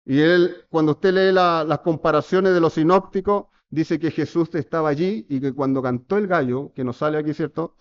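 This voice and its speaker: A man's voice: fairly high pitch, moderate pace, few pauses, clear, resonant tone, lo-fi sound. A man preaching a sermon in church, addressing the congregation with earnest rhetorical questions. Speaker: presbyter preaching.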